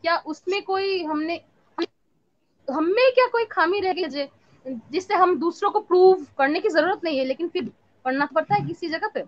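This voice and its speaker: High-voiced woman moderating a call. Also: normal speed. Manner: probing, asks long questions with restarts. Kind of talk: online panel discussion. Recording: lo-fi online call audio.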